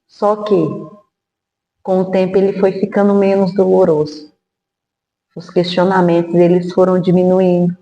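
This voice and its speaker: A woman with a dark, mellow voice tells a painful personal story in earnest. She is a podcast guest who acts out the lines of people in her memory. The sound is roomy, with a long echo like a hall. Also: on the low side, completely flat delivery, normal speed, long pauses, dull audio. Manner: earnest, acts out remembered dialogue. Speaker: guest sharing a testimony. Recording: echoey hall.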